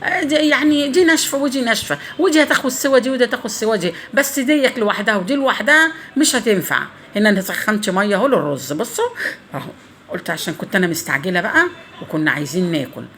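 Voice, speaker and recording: A woman's voice: on the high side, lively intonation, racing, a bit bright, slight background noise. A middle-aged woman with an Egyptian accent, telling a funny story in a casual home cooking vlog, swearing by God often. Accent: Egyptian Arabic.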